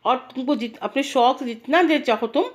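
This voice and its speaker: A woman's voice: sits high, brisk, pitched above the performer's own voice, natural voice. A proud male king from a spoken bedtime story, voiced by a woman reading aloud. He is dismissive and blunt at first, then turns soothing and yielding. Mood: placating. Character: stern but easily frightened male king.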